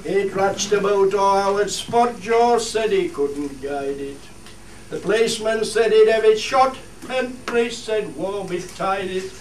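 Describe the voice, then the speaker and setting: A man with a high-pitched, slightly slow voice plays a homely Cumbrian country singer performing a comic dialect ballad in a radio play, mixing spoken verse with sung choruses. The tone is droll storytelling, and the distant microphone picks up a noisy, echoey room.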